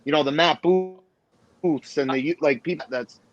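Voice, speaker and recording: A man's voice: on the high side, over music. New man on a choppy call. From New York. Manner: halting, repeats words, street-casual. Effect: choppy, breaking-up internet call audio that freezes. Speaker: guest, cigar company co-owner. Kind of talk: casual podcast chat. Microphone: video call. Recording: dull lo-fi video call line.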